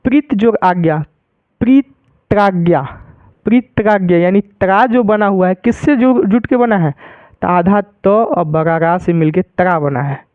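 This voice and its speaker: A man teaching Hindi grammar who explains slowly and keeps repeating each example as a question to his students. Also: high-pitched, clean tone, no echo. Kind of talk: grammar lesson. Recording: tinny phone-like sound.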